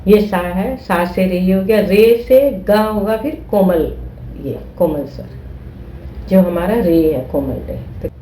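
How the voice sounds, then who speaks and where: A woman's voice: mid-range voice, slow, dark tone, echoey room, slight background noise, poor audio. A woman teaching flute who explains patiently, repeating steps and checking that listeners follow. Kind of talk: explaining a music lesson.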